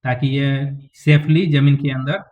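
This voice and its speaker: A man's voice: medium pitch, steady tone, a little slow, a little mellow. A man teaching a biology lesson, explaining diagrams step by step and often checking that his students follow. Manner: explains step by step, often checks with "ठीक है" and "समझ में आ गया?". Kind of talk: classroom lecture explaining diagrams. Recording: tinny phone-like lo-fi recording.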